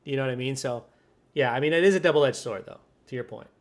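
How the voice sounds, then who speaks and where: A man hosting a casual sports podcast, easygoing and steering the conversation. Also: mid-range voice. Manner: quick, easygoing, steers the show. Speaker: podcast host.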